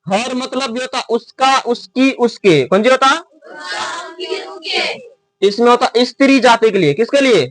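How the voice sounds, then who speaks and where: A man teaching a classroom lesson. He spells words out letter by letter, slowly, and keeps asking the class to repeat after him. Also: very high-pitched, dry recording. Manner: repeats and drills, asking the class to answer back.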